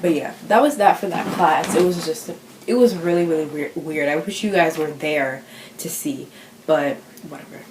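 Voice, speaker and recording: A woman's voice: sits low, moderate pace, reverberant, background noise. A teenage girl chatting to the camera in a vlog, self-conscious and full of fillers. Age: teens. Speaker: vlogger. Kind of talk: casual chat.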